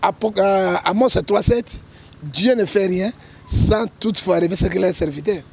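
This man's voice sits high, creaky, husky and darkish, at a normal speed. Carrying a Congolese accent, he's a prophet being interviewed, pressing political points emphatically, quoting scripture and checking with his listener through frequent "hein?".

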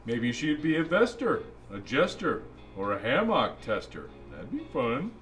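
A man's voice: medium pitch, huge pitch swings, a little slow, a bit bright, faint music behind. A man playing a jolly old Santa Claus, reading a children's storybook aloud with playful, musing asides to the kids. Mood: playful, animated. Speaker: storybook reader.

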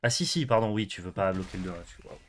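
A man's voice: lowish voice, expressive, quick pace. A young man co-hosting a card game stream, chatting casually, swearing and laughing often. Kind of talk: casual gaming chat.

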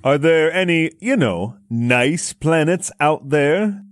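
Podcast host, man, sarcastic jokes, lively higher pitch. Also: takes it slowly, no echo, studio quality. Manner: jokey, sarcastic. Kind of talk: scripted podcast hosting.

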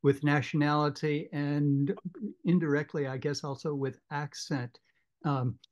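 A man asking questions on a video call, halting and repeating words as he searches for them. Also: a little high, little pitch movement. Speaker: discussion participant.

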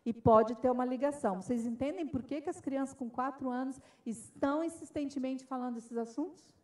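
High-voiced, emphatic Brazilian woman speaker. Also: fairly quick, warm tone, recorded from a distance. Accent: Brazilian Portuguese. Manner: emphatic, acts out dialogues in her speech. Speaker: forum speaker. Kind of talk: impassioned public talk. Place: event forum.

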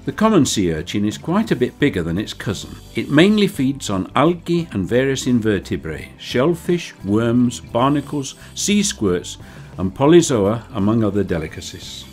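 A man reading scripted nature documentary narration in a measured, wryly playful storytelling manner. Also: mid-range voice, big pitch swings, darkish tone. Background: background music.

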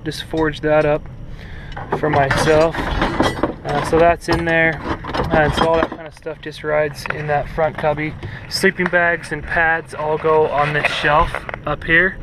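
Out in open desert, a vlogger gives a slow, rambling, hands-on walkthrough of his trailer, full of ums and uhs. His voice is a bit high and flat with little rise or fall, and his head-mounted action camera picks up clear wind and outdoor noise beneath it.

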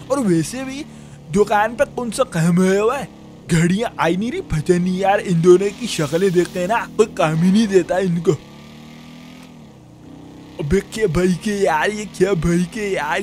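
A man's voice: high voice, darkish tone, lightly acted. A young man with a Pakistani Urdu accent, voicing a broke, chatty shop helper in a GTA role-play who rambles to himself with frequent chuckles. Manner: rambling self-talk, frequent chuckles and "yaar".

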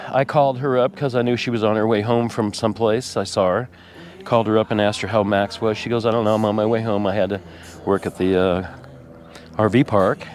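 A man vlogging from his RV, talking tearfully and haltingly with many pauses and fillers. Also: on the low side. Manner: rambling, halting, with many ums and uhs. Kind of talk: casual vlog talk to camera.

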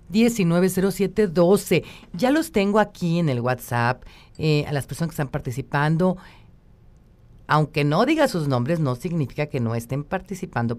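A woman's voice: low voice, a little mellow. Upbeat Mexican radio host woman. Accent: Mexican Spanish. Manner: upbeat, reads listener messages and greetings aloud. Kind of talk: live radio talk show.

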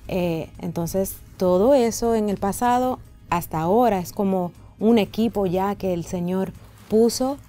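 A woman, a native English speaker with American-accented Spanish, answering haltingly in an interview and searching for words. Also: medium pitch, mellow, soft background music. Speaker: interview guest, singer. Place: indoor radio and TV studio set.

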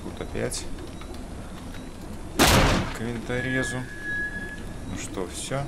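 A man's voice: medium pitch, slow, vocal fry. A man giving casual let's play commentary, muttering to himself and to his enemies in mild slang. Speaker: gamer playing and commenting. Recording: loud game noise behind the voice.

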